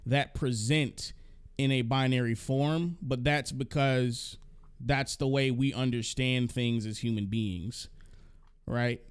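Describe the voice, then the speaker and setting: A man's voice: medium pitch, fairly even intonation, slow, clean tone. A man hosting a live stream, talking casually with a co-host, profane and exasperated, often restarting his sentences.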